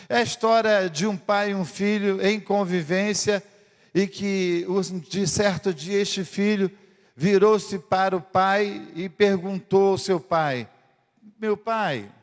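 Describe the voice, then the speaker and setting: A man, a pastor preaching a fervent sermon with dramatic pauses, in a church. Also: high voice. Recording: echoey church hall.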